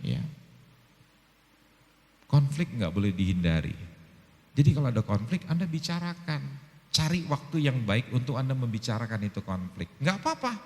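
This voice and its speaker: Lively man preaching in a reverberant hall. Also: medium pitch, normal speed, long pauses. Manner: animated storytelling, acting out quoted dialogue. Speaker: pastor. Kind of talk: sermon.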